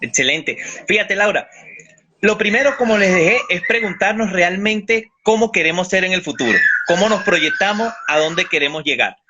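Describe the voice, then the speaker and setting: A man speaking as a guest on a motivational show, with a forceful, preaching delivery. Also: high-pitched, animated, normal speed, lo-fi sound, noisy background. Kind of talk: motivational talk.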